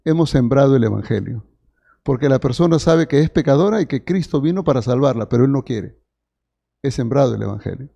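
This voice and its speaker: Gravelly-voiced man teaching evangelism. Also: medium pitch, lively intonation, brisk, mellow. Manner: explains step by step, acting out both sides of the dialogue. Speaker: church mission instructor. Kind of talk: teaching a method of door-to-door evangelism.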